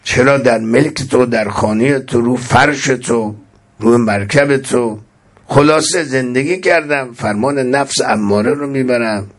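A male preacher giving a sermon at a middle pitch. He intones Arabic verses slowly, then explains them in plain colloquial speech, and his voice rises in emphatic bursts.

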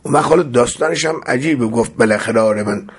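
A man preaching a sermon, retelling a miracle story in a dramatic way, with sudden high emotional outbursts. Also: slightly rough.

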